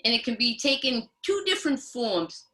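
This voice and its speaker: A woman guiding mindful movement as a yoga and meditation instructor, with a soothing, gentle manner and unhurried pauses. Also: a little high, sing-song.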